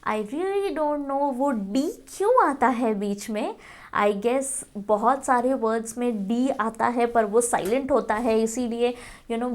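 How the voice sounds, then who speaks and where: A woman teaching English spelling in a mix of Hindi and English, spelling words letter by letter and often saying "okay". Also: a little high. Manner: addresses viewers as friends, frequent "okay".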